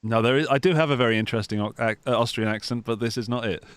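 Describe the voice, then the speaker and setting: Talking very fast, a man with an English Gloucestershire accent hosts a live guitar podcast via video call using a studio mic, joking around and restarting his sentences often. His voice is medium-pitched and smooth, with no room sound.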